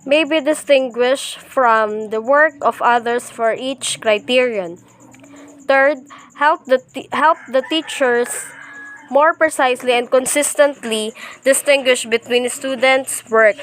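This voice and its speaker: A young woman from the Philippines reading a class report aloud, slowly and carefully, with small slips and restarts. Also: a little high, fairly bright tone. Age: young adult. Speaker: student presenter.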